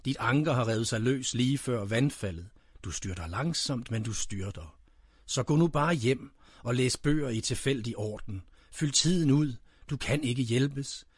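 A man reading dark, brooding spoken-word poetry, addressing a "you" directly. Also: medium pitch, lively intonation, slightly rough, no echo, clean studio sound.

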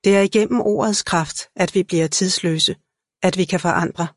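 Woman narrator, low voice, dry close sound, measured audiobook reading. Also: steady tone, no room sound. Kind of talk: scripted narration.

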